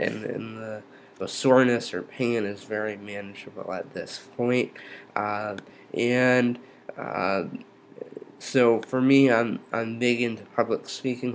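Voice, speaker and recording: Slow, halting man with stiff post-surgery jaw. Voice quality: slightly impeded articulation from numb lower jaw and lip after jaw surgery. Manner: halting, hesitant delivery. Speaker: vlogger giving a surgery recovery update. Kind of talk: casual unscripted update talk. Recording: noticeable background noise, room ambience.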